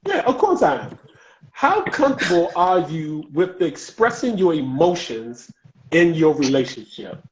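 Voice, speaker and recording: A man hosting a relaxed podcast chat on a live video call, talkative and quick to laugh. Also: fairly high pitch, slight background noise, rough recording. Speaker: podcast host. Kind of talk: casual chat.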